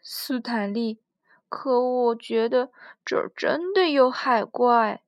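A woman's voice: fairly high pitch, takes it slowly, dry recording. A woman voicing a shy, easily frightened little sea turtle in a children's story. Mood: timid. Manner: shy, hesitant.

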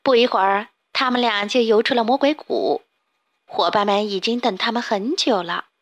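A woman narrating a children's storybook in a gentle, expressive way. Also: a little high, normal speed, no echo, lo-fi sound.

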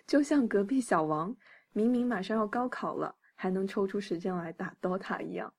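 A woman's voice: mid-range voice, moderate pace, a little mellow. A woman hosting an English-learning podcast who reads each English sentence twice and then explains it with patient, teacherly care. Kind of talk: scripted podcast lesson.

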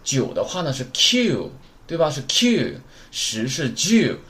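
A man's voice: fairly high pitch, huge pitch swings, takes it slowly, bright, forceful tone. A man teaching a beginner Japanese class in a casual, chatty way, drilling numbers aloud and asking rhetorical questions. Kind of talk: casual spoken lesson.

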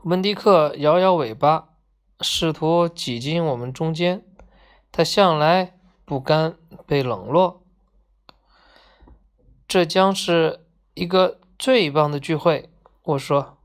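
Slow, gentle woman storyteller. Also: low-pitched. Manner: slow, gentle, acts out each character's lines. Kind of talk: reading a children's book aloud.

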